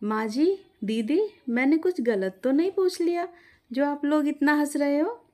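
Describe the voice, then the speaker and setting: Lady doing a sweet polite new bride, kinda high, respectful. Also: measured pace, a little mellow.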